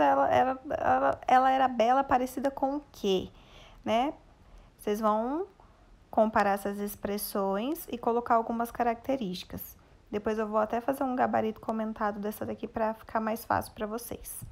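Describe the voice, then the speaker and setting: A Brazilian woman teaches young pupils in a recorded lesson, with a fairly high voice that has a gravelly, fry-laden edge. She explains patiently and keeps asking the class guiding questions. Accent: Brazilian Portuguese.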